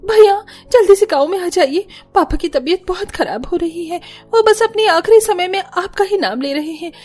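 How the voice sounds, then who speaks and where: Woman, cartoon dub voice, worried, pleading, high-pitched. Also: expressive, normal speed, a little mellow, faint music behind. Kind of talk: cartoon voice acting.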